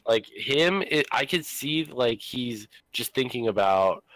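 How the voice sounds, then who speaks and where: A man's voice: mid-range voice, animated, fairly bright tone, no echo. Blunt, grumbling man, dry close sound. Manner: blunt, grumbling, quick asides. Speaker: podcast co-host, former reality show contestant. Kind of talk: casual profane chat about reality TV.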